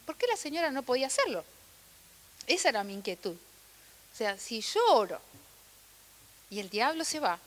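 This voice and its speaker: A young woman with a Rioplatense Spanish accent, preaching a sermon in an animated, emphatic way, with asides and bits of laughter. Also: sits high, big-room sound.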